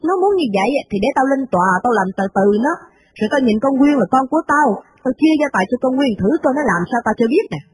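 A woman's voice: sits high, lively intonation, rapid-fire, husky, voice pushed up, rough recording. A woman voicing a domineering old rich mother, blunt and scolding. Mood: indignant.

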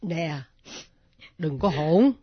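A gruff elderly grandmother scolds in a low, husky voice. The radio drama sounds muffled and dry. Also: animated, extremely slow, no echo, heavily acted. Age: older.

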